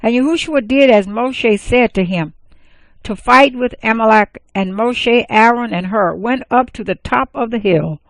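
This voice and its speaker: A woman reading scripture aloud, measured and even, with careful pauses. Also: fairly high pitch, no echo. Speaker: scripture reader.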